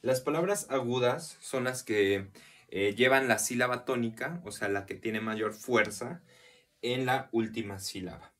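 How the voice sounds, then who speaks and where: A man teaching a poetry lesson, counting syllables aloud slowly, with frequent hesitations and restarts. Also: medium pitch, fairly bright tone. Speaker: literature teacher. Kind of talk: explanatory recorded lesson.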